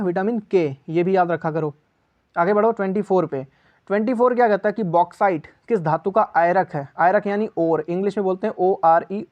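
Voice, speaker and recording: An exam-prep teacher with a high-pitched voice leads a casual quiz lesson on a lo-fi recording. Chatty, he asks viewers for answers and repeats each key answer as a question and its reply.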